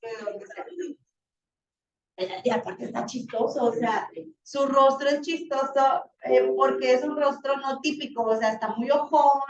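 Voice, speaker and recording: A woman teacher, slightly hoarse, lecturing a class in a chatty, animated way with many fillers. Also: sits high, unhurried, a crowd in the background. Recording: roomy, distant, dull classroom recording.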